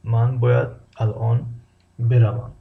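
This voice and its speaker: Male language teacher, native Persian, with a gravelly dark voice. Drills English phrases slowly with frequent fillers. Dull lo-fi recording. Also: medium pitch, little pitch movement. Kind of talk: language lesson.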